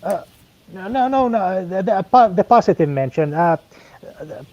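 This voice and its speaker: Chatting as a stream guest, this man whose native language is Finnish hunts for words, so his speech is full of fillers and restarts. His slightly high, darkish voice has lively intonation, heard through dull, lo-fi audio.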